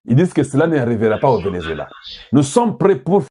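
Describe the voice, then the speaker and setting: Political commentary comes from a Congolese man whose mid-range voice is warm and husky, moving quickly with big pitch swings. He addresses rhetorical questions to his viewers and mixes in Lingala now and then.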